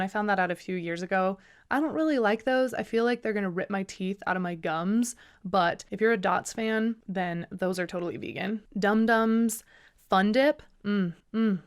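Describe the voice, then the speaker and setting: A young woman hosting a solo podcast, talking in a chatty, bubbly way with lots of asides. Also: mid-range voice. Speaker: podcast host. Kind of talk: casual solo podcast chat.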